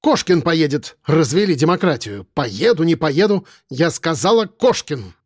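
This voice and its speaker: A man voicing a domineering shouting female factory boss. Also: a little high, sing-song, a little slow, husky, dry recording, studio quality, full character voice. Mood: furious. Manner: bellowing, scolding.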